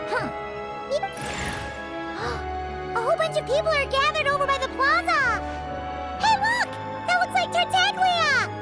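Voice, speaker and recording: A woman voicing a tiny floating female fairy companion who chatters brightly about herself in the third person. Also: extremely high pitch, fast talker, faint music behind. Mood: curious.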